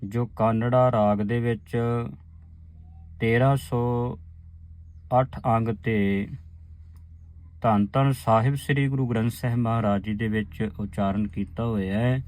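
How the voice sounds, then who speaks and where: A man teaching the exact pronunciation of scripture, chanting each word slowly and then explaining in quick asides where to pause. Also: mid-range voice, fairly even intonation, darkish tone. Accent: Punjabi. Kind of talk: slow recitation lesson.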